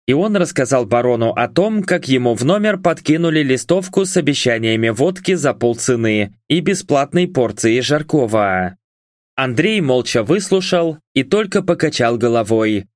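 A man narrates an audiobook from a script in a measured, even storytelling manner. His voice is medium-pitched, recorded at studio quality with no room sound.

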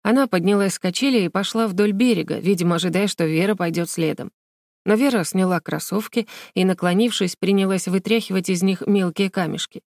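A woman reading a children's book aloud as a narrator, with steady, even storytelling. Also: medium pitch, a little fast, dry recording, studio quality. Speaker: audiobook narrator. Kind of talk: scripted narration.

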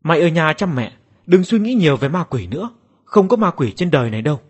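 A man's voice: a little high, sing-song, quick pace, husky. A man voicing a blunt older brother who mocks his sister's fears in a horror story. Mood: mocking. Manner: mocking, blunt. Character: gruff dismissive older brother.

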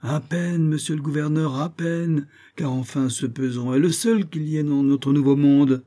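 Brief: a man playing a wheedling old miser in a storybook, mellow but pitched up. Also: steady tone, normal speed, natural voice. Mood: whining. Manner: wheedling, lamenting. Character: whining miserly old male moneylender.

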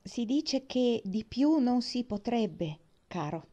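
Woman reading as a gentle patient mother. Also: on the high side, expressive, slow, dull audio, voice pushed up. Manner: soft, gentle.

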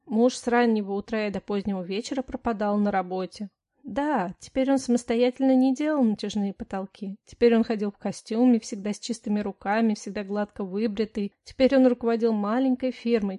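A woman's voice: medium pitch, dark tone. A young woman reading a first-person audiobook story in an ironic, chatty manner. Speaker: audiobook narrator.

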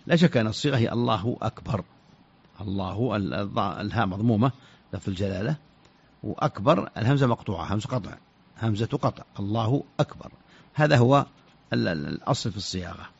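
Brief: man, scholar on radio Q&A, fast and halting, gravelly husky voice, lo-fi old radio sound. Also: fairly low pitch, animated. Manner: halting, many restarts and repeated syllables. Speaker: Islamic scholar answering listener questions. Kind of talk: radio religious Q&A answers. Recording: dull lo-fi radio recording.

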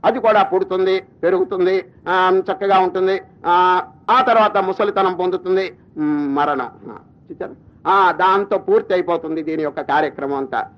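A man gives a spiritual discourse, slowly chanting verses and putting questions to his listeners. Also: sits high. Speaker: spiritual teacher. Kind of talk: religious discourse. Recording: dull lo-fi recording.

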